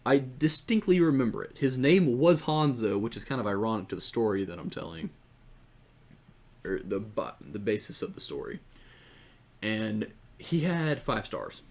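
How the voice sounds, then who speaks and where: A man's voice: on the low side, very animated, moderate pace, darkish tone. Young man ranting casually about games. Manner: rambling and exasperated, with frequent restarts and swearing. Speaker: gaming YouTuber. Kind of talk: casual gaming rant to camera.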